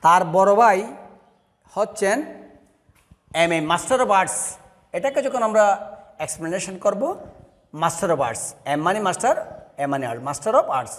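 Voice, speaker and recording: A man's voice: sits high, lively intonation, measured pace, long pauses, a bit bright, long reverb tail. A male teacher with a Bangladeshi accent, explaining a lesson step by step and answering his own questions. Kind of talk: online classroom lesson.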